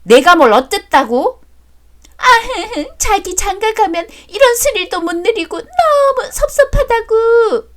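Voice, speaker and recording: Voiced by a woman, a shameless married office mistress taunts in a high, swooping voice. Her sneering delivery stays brazen and unrepentant in a radio drama. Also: lively intonation, takes it slowly, exaggerated voice. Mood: mocking.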